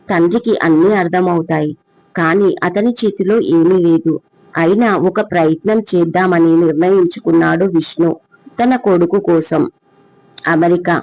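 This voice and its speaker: High-voiced male audiobook narrator. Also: darkish tone, no echo. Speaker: storyteller. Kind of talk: scripted narration. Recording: dull lo-fi, dry.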